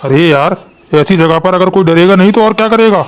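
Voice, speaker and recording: A man's voice: high voice, fairly quick, clean tone, close to an everyday voice. A man voicing a timid, fearful young village man in a cartoon, speaking in a nervous, pleading way. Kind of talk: cartoon voice acting.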